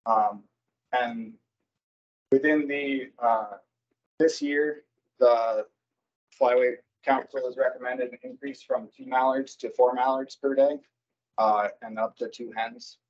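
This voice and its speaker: A man presenting wildlife season recommendations at a public board meeting, speaking haltingly with many fillers and self-corrections over a video call. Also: medium pitch, fairly even intonation. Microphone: computer mic on a video call. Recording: dull lo-fi video call audio.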